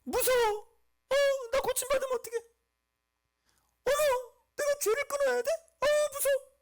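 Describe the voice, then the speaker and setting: A man's voice: fairly even intonation, measured pace. A man putting on a whiny, frightened churchgoer. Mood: scared, whiny. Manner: high, fretful whimpering.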